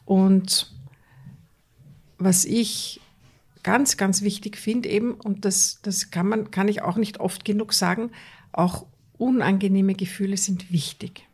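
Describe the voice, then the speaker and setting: A woman's voice: medium pitch, fairly even intonation, slow pace, a little mellow, husky. A woman coach in an interview, talking earnestly and repeating words for emphasis. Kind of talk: conversational interview.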